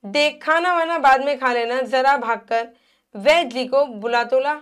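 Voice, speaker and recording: A brusque village father barks quick orders at his household, read by a woman going through a story. The voice stays high, clipped and commanding. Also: fairly bright tone, clear, resonant tone. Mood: urgent.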